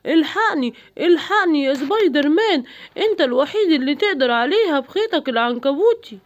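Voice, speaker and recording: A woman's voice: high-pitched, expressive, quick pace, dull audio. A woman with an Egyptian accent voicing a frightened male lion king in a cartoon, pleading urgently for help. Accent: Egyptian Arabic.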